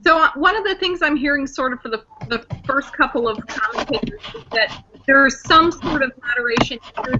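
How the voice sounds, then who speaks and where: A woman's voice: fairly high pitch, background noise. A woman hosting an online panel discussion, summing up what her guests say and steering the talk. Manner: reflective, summarizing, directs the conversation. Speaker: host. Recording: lo-fi online call audio.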